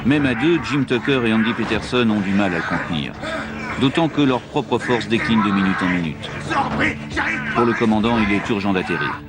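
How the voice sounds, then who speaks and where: A man's voice: lowish voice, lively intonation, normal speed. Male documentary narrator over music. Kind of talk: dramatic scripted narration.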